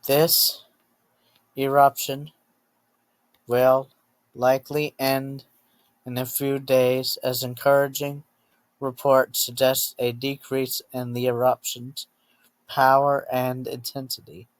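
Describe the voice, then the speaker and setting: A man of medium pitch delivers a scripted emergency alert flatly, stopping between short phrases and often saying things twice in new words. The recording is dry.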